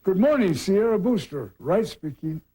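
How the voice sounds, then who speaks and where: A man's voice: sits high, big pitch swings, moderate pace, warm tone, husky, dry recording, rough recording. A man over eighty, a small-town editor, chatting casually. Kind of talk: casual chat.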